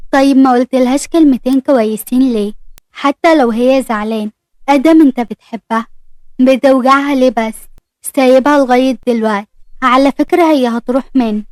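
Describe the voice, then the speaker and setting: A woman's voice: high-pitched, a little mellow, no echo, lightly acted. An Egyptian woman voicing a loyal young man who scolds and pleads with his friend, lightly acted. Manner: reproachful, insistent.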